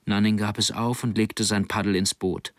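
A man with a lowish voice narrates an audiobook in a steady, measured reading of scripted text. The recording is studio quality with no echo.

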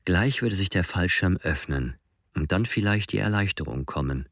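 A man reading a first-person story aloud in an expressive way. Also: low voice, normal speed, dry recording, studio quality. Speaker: narrator. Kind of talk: audiobook narration.

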